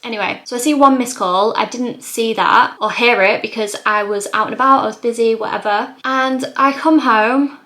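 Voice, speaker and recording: A woman's voice: on the high side, normal speed, bright, forceful tone. A young woman in her twenties telling a personal story to camera, chatty and earnest, saying "like" a lot. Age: 20s. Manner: chatty, heavy use of "like", lots of repetition; emotional, earnest retelling. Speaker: vlogger. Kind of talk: casual confessional storytime.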